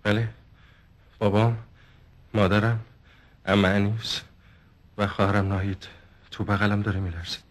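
An actor playing a stiff, overprotective man in therapy who gives defensive, halting answers. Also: fairly low pitch, level tone, natural voice. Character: stiff, overprotective man recounting his family. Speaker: patient.

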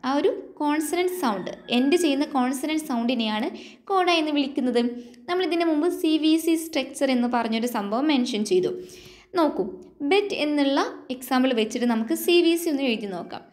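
A woman with a Malayali accent teaching an exam-prep lesson. She dictates definitions slowly and asks the viewer check questions. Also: high-pitched, animated, darkish tone. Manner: slow English definitions dictated, then explained. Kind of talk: exam-prep lecture mixing Malayalam and English.

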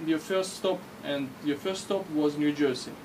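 A young man whose first language is Russian, asking interview questions in simple, halting English. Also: on the high side, steady tone, recorded from a distance, poor audio. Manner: halting, simple phrasing with restarts. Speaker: interviewer and vlog host. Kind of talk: casual interview. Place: outdoor porch in a tropical garden. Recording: loud outdoor noise on a camera recording.

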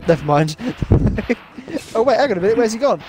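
A man's voice: high-pitched, lively intonation, fairly quick. A man in casual game banter with friends, giving urgent, pleading instructions. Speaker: player in a group gaming session. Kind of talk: casual banter while playing. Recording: music clearly behind. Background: music.

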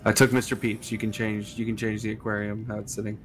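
A man's voice: lowish voice, monotone, quick pace, slight background noise. Easygoing man in game chat. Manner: easygoing, laughs often. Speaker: co-op player. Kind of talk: casual gaming chat.

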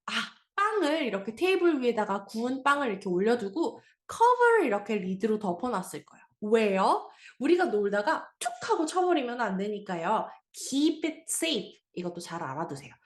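A woman's voice: fairly high pitch, very animated, a little fast, hardly any pauses, roomy sound. A woman teaching an English reading lesson, patiently explaining and asking her listeners questions.

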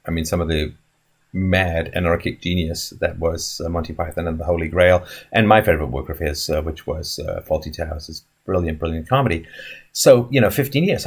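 A man in his fifties speaks in a low voice with a husky edge, musing and rambling as he answers viewer questions. He talks from an indoor room into a webcam, with fillers and restarts breaking up his sentences. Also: normal speed. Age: 50s. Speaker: live stream host answering chat questions. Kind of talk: casual live stream talk. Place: indoor room in front of a wooden wall.

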